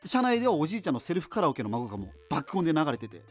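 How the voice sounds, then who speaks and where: For a scripted radio drama, a man takes on the role of an amateur radio host broadcasting alone in a doomed future, rambling chattily, interrupting himself, and wandering off into casual asides. His fairly high voice has a sing-song lilt, he talks very fast, and soft music plays in the background.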